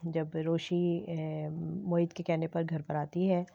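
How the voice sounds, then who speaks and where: A woman recapping a TV drama episode in a casual, unhurried way, often pausing with filler sounds. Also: low voice, little pitch movement, vocal fry, dark tone, dull audio. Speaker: drama review presenter.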